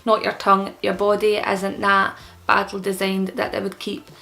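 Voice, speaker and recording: A woman's voice: medium pitch, monotone, normal speed, pushed and bright. A young woman in casual explanatory vlog talk, her speech slightly impeded and thick-tongued, as with a newly pierced tongue. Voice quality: creaky. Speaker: vlogger answering common questions.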